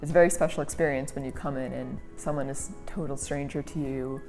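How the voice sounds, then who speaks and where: A woman's voice: extremely low pitch, fairly even intonation, fast, a little mellow. A woman oral history interviewer speaking in an earnest, reflective way. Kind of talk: interview testimonial. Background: faint background music.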